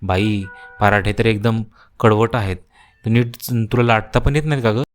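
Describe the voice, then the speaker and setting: Cartoon mother-in-law, middle-aged, sharp-tongued and nagging, put on by a male narrator. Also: lowish voice, normal speed, faint music behind, close to an everyday voice. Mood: scornful. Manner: nagging, insulting.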